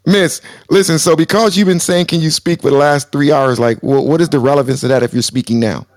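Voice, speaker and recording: Brief: rapid-fire male host, insistent, repeats himself to hold the floor, dry close sound. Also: fairly high pitch, no room sound. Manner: interrupts with repeated words, insistent. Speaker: talk show host. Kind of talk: moderating a live call-in debate.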